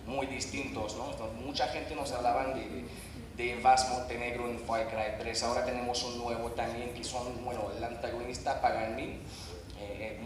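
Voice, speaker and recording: A man with a non-native, foreign accent in Spanish presents informally at a conference, halting, repeating words and adding questioning tags. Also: medium pitch. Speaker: game company presenter. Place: large event hall. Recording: very echoey hall PA, distant, noisy.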